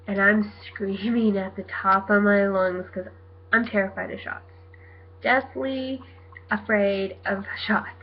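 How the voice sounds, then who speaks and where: A woman in her twenties telling her viewers a personal story in a casual, animated way, acting out what people said. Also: medium pitch, takes it slowly, lo-fi sound. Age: 20s. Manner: chatty, animated retelling with quoted dialogue. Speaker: vlogger.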